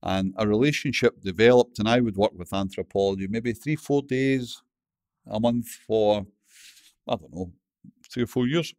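A man's voice: fairly low pitch, moderate pace, darkish tone, no room sound, clean studio sound. Older Glaswegian man, mumbling storyteller. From Scotland. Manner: mumbling, swears freely, tells anecdotes. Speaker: guest. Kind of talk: casual interview chat.

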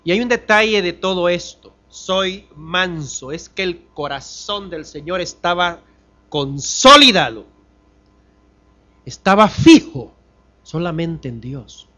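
A pastor preaching a sermon, asking the congregation rhetorical questions and swinging between loud emphasis and soft, low drops. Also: male voice, very animated, unhurried, dull audio. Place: church.

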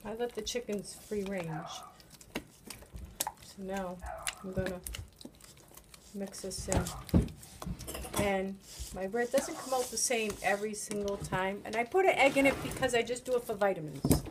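She's a middle-aged woman with a New England accent, kneading dough by hand and chatting coaxingly through a bread-making demo at home with children present. Her medium-pitched voice moves at a measured pace with long pauses. The noisy home video comes from a phone camera held by another person.

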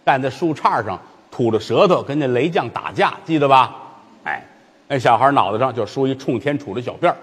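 Guy telling a funny old-style story, husky voice, pitch jumping all over, reverby room. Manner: lively, chuckling asides to listeners. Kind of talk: comic traditional storytelling.

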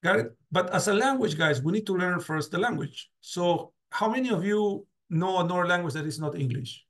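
Animated and brisk, this lecturer speaks in a high, fairly bright voice while teaching on a video call. He frequently restarts words and keeps checking with "got it?" and "do you agree?"

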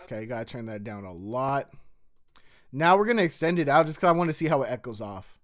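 A man's voice: medium pitch, expressive, fast talker. A man, a music producer, casually walking through his mixing steps in a slangy, laid-back tutorial voice.

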